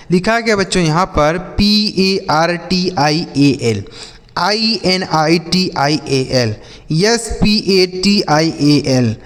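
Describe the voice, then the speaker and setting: An English teacher and channel host leads a spoken English lesson, spelling words letter by letter, repeating, and quizzing students he calls children; he also addresses viewers as children and brother. His voice is a little high, with a big-room sound.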